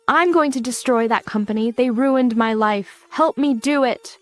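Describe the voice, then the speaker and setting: Woman doing a bratty little hacker girl, flat deadpan delivery, dry close sound. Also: on the high side, moderate pace, no room sound, voice pushed up, natural voice. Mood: bitter.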